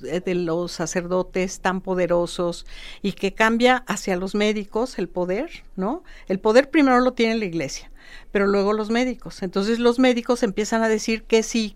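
A woman, talking casually as she explains history to a host. Her voice is smooth and clear at a middle pitch, and she tells her points as lively little stories, checking in with a quick "no?" as she goes. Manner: lively storytelling with repeated "¿no?" tags.

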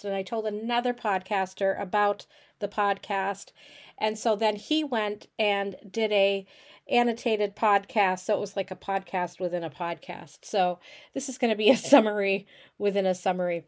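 A woman's voice: mid-range voice, normal speed. A woman instructor giving a casual, chatty recorded lecture to her course, with frequent fillers. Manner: chatty, many fillers and restarts. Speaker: college instructor.

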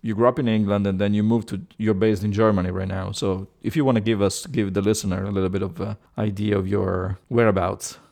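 A man hosting a radio interview, with a somewhat low voice and a gravelly edge to it. He asks his questions in a relaxed, conversational way. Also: fairly quick, hardly any pauses. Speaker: radio host.

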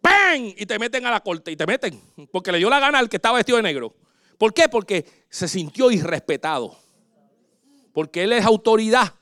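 A pastor preaching a sermon, dramatic, swinging between loud exclamations and hushed asides. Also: male voice, high-pitched, lively intonation, a little fast, dry recording, studio quality.

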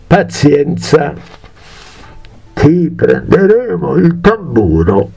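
A man voicing a brutish bandit chief in a fairy tale, deep and gruff. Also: huge pitch swings, drawn-out words, a little mellow, faint music behind, full character voice.

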